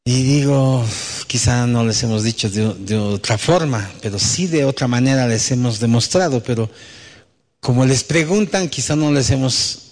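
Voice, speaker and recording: Long hall reverb surrounds a pastor's sermon, delivered at a moderate pace in a mid-range voice. He addresses his church conversationally and tends to finish ideas with a questioning tag.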